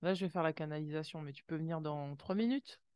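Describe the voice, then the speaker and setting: A woman's low, clean-toned voice moves fast in a dry recording as she gives an intuitive oracle card reading. Talking straight to viewers in warm second person, she's exclamatory, gasping "wow" again and again and tossing in little sound effects.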